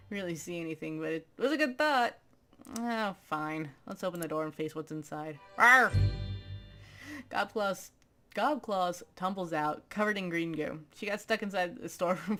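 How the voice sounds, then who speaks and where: A woman's voice: fairly low pitch, a bit bright. A woman playfully reading a text adventure aloud, laughing often and adding dramatic flair to the lines. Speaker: gaming video host.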